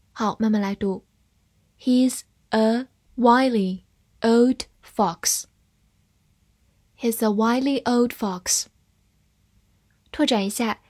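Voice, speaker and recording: A woman teaching English vocabulary to learners, spelling each word letter by letter and reading the examples slowly. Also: a little high, dry recording, clean studio sound. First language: Chinese. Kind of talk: vocabulary lesson.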